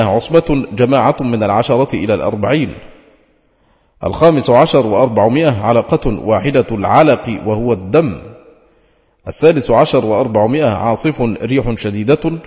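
A man, a sheikh, reading a classical Arabic glossary aloud as an audiobook, taking each numbered entry in a measured, deliberate way. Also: mid-range voice, darkish tone. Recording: long reverb, hall-like.

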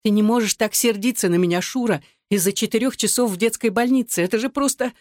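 A woman's voice: on the high side, fast, a little mellow, dry recording, clean studio sound, voice pushed up, natural voice. A reader voicing a frightened young wife in an audiobook, her voice trembling and pleading with her husband. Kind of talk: audiobook dialogue.

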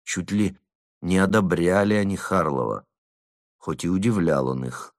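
A man narrating a classic novel with an expressive, dramatic reading. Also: low voice, measured pace, no room sound, studio quality. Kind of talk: literary audiobook narration.

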